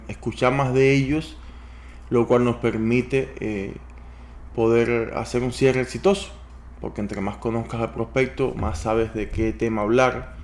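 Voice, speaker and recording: A man hosting a daily video where he reads a business book aloud and adds advice. He speaks to his viewers directly and reads the examples slowly and deliberately. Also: mid-range voice. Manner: advising, addresses viewers directly. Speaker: host reading a book aloud. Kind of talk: reading aloud with commentary.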